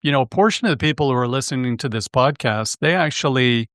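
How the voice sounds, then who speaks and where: A man's voice: medium pitch, lively intonation, fast, a bit bright, no room sound, clean studio sound. A man hosting a sales podcast, interviewing a guest in a conversational, engaged way. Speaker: podcast host.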